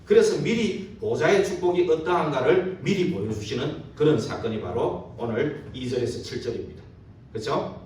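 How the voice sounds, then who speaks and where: A pastor preaches a sermon in a church sanctuary during a service, throwing rhetorical questions at the congregation and seeking their agreement with tag questions. His voice is fairly high, animated and a little mellow at normal speed. It's captured from far off in a very echoey hall with a little hiss or hum.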